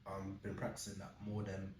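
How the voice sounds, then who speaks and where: A young man as a podcast co-host, rattling along fast with "like" in every phrase. His voice is low-pitched. He is heard from afar in an echoey room. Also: monotone, a little mellow, slight background noise. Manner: rapid, filler-heavy with constant "like". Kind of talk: casual podcast chat. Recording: roomy sound from a distant mic.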